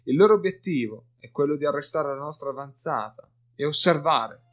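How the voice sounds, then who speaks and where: A man's voice: on the high side, expressive, a little fast, soft background music, lightly acted. A man reading a weary, earnest warrior. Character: weary male warrior far from home.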